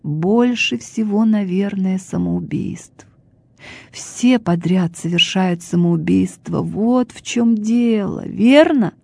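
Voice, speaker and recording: A woman voicing a frail, bedridden old man who asks slow, probing questions in a storybook reading. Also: mid-range voice, gravelly, dark tone, husky, no echo, full character voice.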